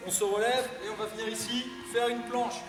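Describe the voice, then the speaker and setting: A man's voice: extremely high pitch, little pitch movement, a little fast. Man coaching a workout in an echoey hall. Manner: instructive, counts reps while exercising. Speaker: fitness coach. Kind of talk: workout demonstration. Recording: echoey hall, distant mic, music.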